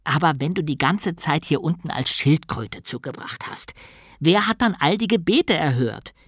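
A woman's voice: sits low, expressive, moderate pace, husky, dry recording, clean studio sound. A woman voicing an earnest, naive young male novice monk who stammers when shocked, in an audiobook. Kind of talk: audiobook character voice.

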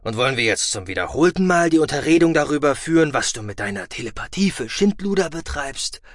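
Man doing calm dry-humored space commander, measured, dead dry sound. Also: a little high, no room sound. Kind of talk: audiobook reading.

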